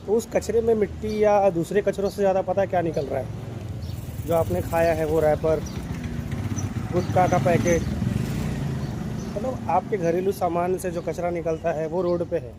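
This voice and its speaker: A man delivers his own street-side commentary in a high, carrying voice. He talks in a string of pointed questions and urgings, exhorting his listeners to act. A faint hum of the city street sits behind him outdoors. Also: mellow. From Mumbai, India. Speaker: local vlogger.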